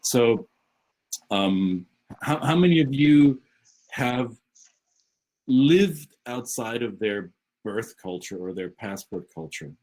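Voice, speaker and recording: A man leading an online session as a guest speaker, talking quickly and often restarting his sentences over a video call. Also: medium pitch, expressive, darkish tone, rough recording. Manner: brisk, halting with repeated restarts. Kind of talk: conversational talk on a video call.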